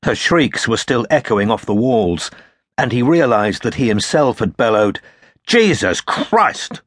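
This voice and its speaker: A man's voice: lowish voice, moderate pace, no echo. Male audiobook narrator, dry studio. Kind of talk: scripted narration.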